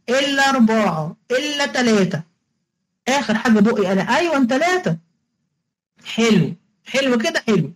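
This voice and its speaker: A fast-talking woman with an Egyptian Arabic accent teaches an online class. She is playful and coaxing, and she walks through each step again and again. She keeps quizzing her students as she goes. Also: a little high, poor audio. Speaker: religious studies teacher. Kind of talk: online lesson explanation.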